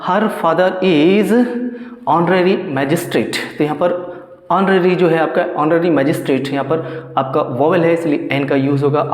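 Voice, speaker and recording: A teacher explaining a grammar exercise, reading example sentences slowly and then explaining them in quick bursts. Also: mid-range voice. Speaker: English teacher. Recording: echoey room with long reverb.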